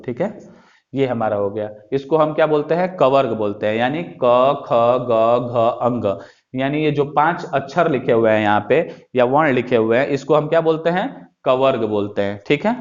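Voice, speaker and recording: A man's voice: mid-range voice, normal speed. Man teaching, dull lo-fi sound. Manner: repetitive, asks questions then answers them. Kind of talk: classroom-style explanation.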